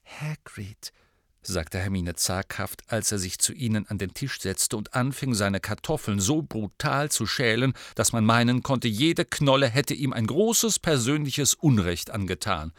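A man narrating a story in a steady, even storytelling voice. His pitch sits in the middle, and the recording is dry with no room sound. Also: normal speed, hardly any pauses, dry recording. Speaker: audiobook reader. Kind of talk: scripted narration.

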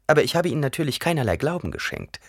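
A man's voice: on the high side, very animated, rapid-fire, no echo, clean studio sound, pitched above the performer's own voice. A man voicing an anxious, deferential male court doctor in an audiobook reading, nervous and polite.

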